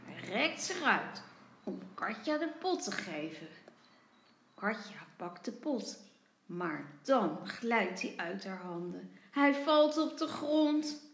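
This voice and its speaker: A woman kindergarten teacher reading a picture book aloud to young children, with expressive storytelling. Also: fairly low pitch, slow, creaky, slight background noise. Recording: roomy, echoey sound.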